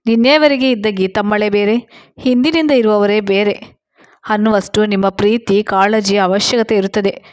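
A calm, middle-aged male doctor who gives careful advice in a measured way, voiced by a woman reading a storybook aloud. He sounds steady and reassuring, at a middle pitch, in a dry, close recording. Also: smooth, no room sound, lightly acted.

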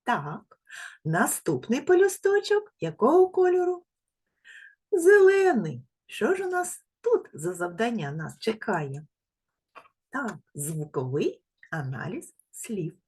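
A woman preschool teacher giving a literacy lesson to small children, gently praising them and drawing out speech sounds slowly. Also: fairly high pitch, sing-song, breathy edge. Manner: gentle, praising, uses endearing diminutives.

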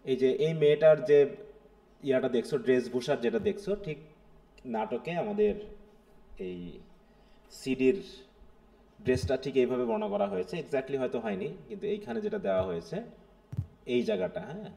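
A man's voice: mid-range voice, animated, fairly quick, creaky, pauses often, mellow. A man teaching an English literature class live, mixing Bengali and English and often checking with his students. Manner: explains step by step, keeps checking with students.

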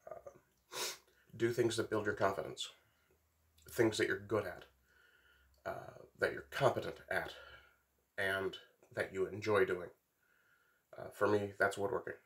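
A middle-aged man talks off the cuff in a fairly low voice. He is sick, and his nose is blocked, so he sounds stuffy and congested. His delivery is halting and rambling, with long pauses, as a vlogger speaking to camera. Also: steady tone, fairly bright tone. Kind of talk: unscripted casual monologue to camera. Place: small wooden workshop, indoors.

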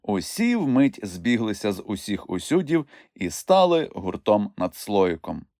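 Expressive male audiobook narrator. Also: on the low side, unhurried, no room sound, clean studio sound. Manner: expressive, storytelling.

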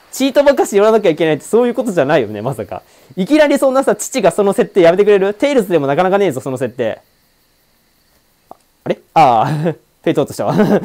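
Man, let's-play commentary, excitable, jokey, lively pitch. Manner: excitable, joking, talks back at the screen. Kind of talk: casual game commentary.

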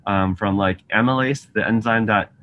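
His voice is on the low side, pushed and bright, at a normal speed, with slight background noise on the video call webcam. He's a chatty young graduate student from Singapore teaching a casual online science lesson for science outreach, indoors in a lab office with shelves. He comes across friendly, ums frequently and often asks students questions.

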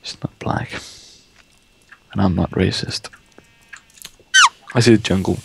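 A man's voice: deep voice, steady tone, slow, gravelly, heavy background noise. A young man hosting a gaming video, chatting casually and rambling about movies while playing. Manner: rambling, swears when startled. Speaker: let's play host.

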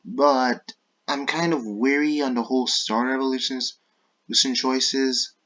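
With a steady, unhurried delivery, a man hosts his own YouTube gaming channel, his medium-pitched voice sounding pushed and bright. He rambles casually and breaks off mid-thought for apologetic asides before changing course. The highs are cut off in the audio.

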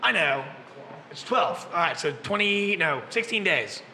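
A podcast host in his early thirties who books music for a brewery chats loosely in the taproom, joking and swearing a bit. His high voice is expressive, a little slow, pushed and bright, echoing as if in a large hall through a boom-arm desk mic, with slight hiss or hum.

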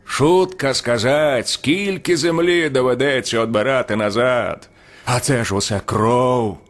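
A man voicing a gruff, scornful old grandpa ferryman in an audiobook, scolding in blunt folk speech. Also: medium pitch, unhurried, close to an everyday voice. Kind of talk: audiobook character reading.

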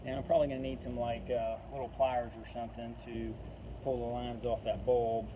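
Working with tools at the open back of a vehicle outdoors, a DIY repair vlogger casually narrates a how-to, relaxed and explaining each step. His voice is mid-range and brisk. The audio is tinny phone sound with a noisy outdoor background.

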